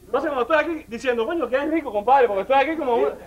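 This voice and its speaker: A man's voice: very high voice, rapid-fire. A man with a Cuban Spanish accent acting in a comedy sketch, playing a boastful male street tough who brags in a swaggering way. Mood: storytelling. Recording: slightly dull recording with faint noise.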